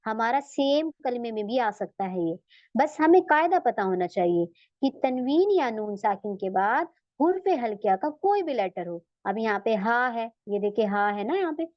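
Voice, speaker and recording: Woman, recitation teacher, patient and explanatory, slow repeats of Arabic words; muffled dry lo-fi audio. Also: on the high side, very animated, dry recording. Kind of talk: online lesson. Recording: dull, dry, lo-fi recording.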